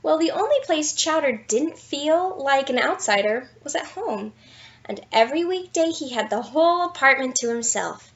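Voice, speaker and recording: A woman with a high voice reads a children's picture book aloud as an animated bedtime story with asides, playful and expressive, leaning into key words for drama. She keeps a moderate pace, and the sound is a little dull and lo-fi, like a simple home recording.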